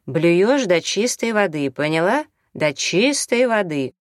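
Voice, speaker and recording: A man's voice: sits high, sing-song, slow, no echo, studio quality, pitched above the performer's own voice, full character voice. A man reading an audiobook, voicing a brash, hard-drinking doctor who jokes and orders people about. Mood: bossy. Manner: jokey, bossy, offhand.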